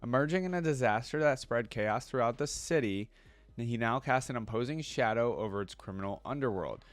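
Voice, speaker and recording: A man with an expressive mid-range voice makes a reaction video, alternating between reading lore aloud and informal, musing commentary where he pauses to explain. There's no room sound.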